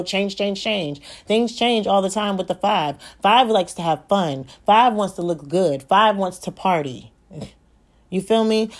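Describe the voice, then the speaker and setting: A woman hosting a solo podcast from home, talking fast and rambling, swearing often and correcting herself as she goes. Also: fairly low pitch, darkish tone. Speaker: podcast host. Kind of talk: solo spiritual podcast monologue. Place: home at night, child asleep nearby.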